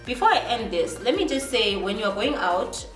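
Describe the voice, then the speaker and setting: A woman's voice: fairly high pitch, animated, normal speed. A young woman from Namibia with a Namibian accent, telling a story casually with many fillers and restarts. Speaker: vlogger. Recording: roomy, distant mic, faint music.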